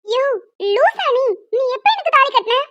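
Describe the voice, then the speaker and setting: A woman voicing a feisty young woman in a cartoon, protesting in a shrill, indignant way. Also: lively intonation, takes it slowly, mellow, full character voice. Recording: dull lo-fi, dry.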